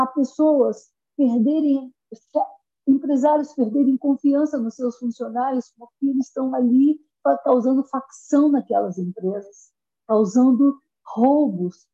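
A woman preaches with fervor, her voice slightly husky and warm, set a little high for a woman. She pushes up into emphatic peaks as she presses her points. The recording sounds dull and lo-fi. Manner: fervent, rising to high emphatic pitch. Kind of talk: sermon.

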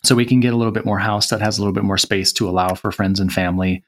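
A man's voice: lowish voice, fairly even intonation, rapid-fire. A man chatting earnestly as a guest on a podcast, reflecting on his life choices. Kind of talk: casual conversation.

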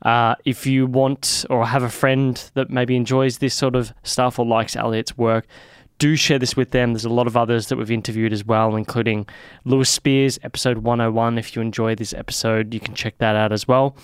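A man's voice: mid-range voice, flat delivery, moderate pace, smooth, no room sound, clean studio sound. A man hosting a podcast in a chatty, friendly way. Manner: chatty, friendly, restarts often. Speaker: podcast host. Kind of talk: casual podcast chat.

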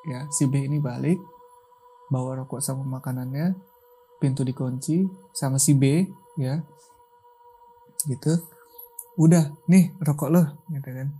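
A man's voice: medium pitch, fairly even intonation, a little slow, long pauses, mellow, soft background music. A man casually telling a true horror story, checking in often to see that his listener follows. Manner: chatty, keeps checking the listener follows with filler tags. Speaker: guest storyteller.

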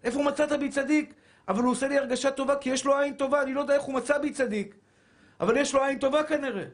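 A man preaching a Torah sermon as a rabbi, fervent and shouting, repeating phrases for emphasis and calling listeners his brothers. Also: very high voice, steady tone. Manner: addresses listeners as brothers and dear souls.

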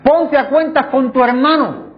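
With an extremely high voice and a slightly slow pace, a man preaches fervently to a church congregation, full of rhetorical questions. The sound is dull and lo-fi, with faint music behind him.

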